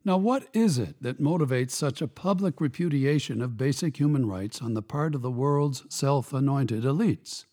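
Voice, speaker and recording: A man reads a scripted opinion commentary as a radio program's host. His voice sits at an ordinary pitch with a dark, mellow tone. He delivers each point in a measured, emphatic, pointed way. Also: expressive.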